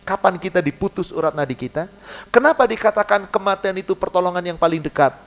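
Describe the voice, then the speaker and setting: A male preacher, giving a sermon that chants Arabic verses slowly, explains them in casual speech and puts questions to the congregation. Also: high voice, lively intonation.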